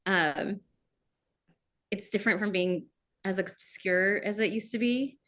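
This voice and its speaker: A woman voice actress chatting as an interview guest, bubbly and animated. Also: mid-range voice, a little slow. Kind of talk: casual interview chat.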